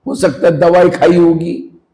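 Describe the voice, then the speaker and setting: A man's voice: fairly high pitch, flat delivery, unhurried, warm tone, rough recording. A man giving a spiritual discourse to a live audience, earnest and full of rhetorical questions, now and then scolding sleepy listeners. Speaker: spiritual teacher. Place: meditation hall.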